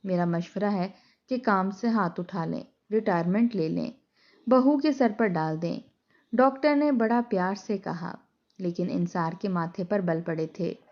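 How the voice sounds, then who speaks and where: A woman narrating an emotional moral story in a steady, dramatic way. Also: medium pitch, unhurried. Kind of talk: scripted narration. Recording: dull lo-fi recording.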